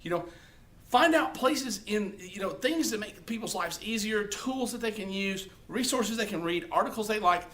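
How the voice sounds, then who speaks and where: Speaking at normal speed, this man has a high-pitched, slightly bright voice with lively intonation. He talks casually to the camera on social media, offering blunt, profane advice and often tacking on "okay?"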